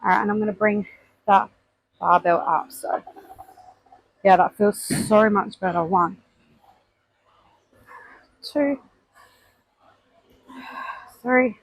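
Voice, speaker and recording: Breathy woman counting gym reps. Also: medium pitch, fairly even intonation, unhurried, long pauses, no room sound, rough recording. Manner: counts reps aloud and explains technique between sets. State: out of breath between sets. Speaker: fitness vlogger. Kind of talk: casual workout vlog with coaching tips. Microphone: clip-on mic worn on body.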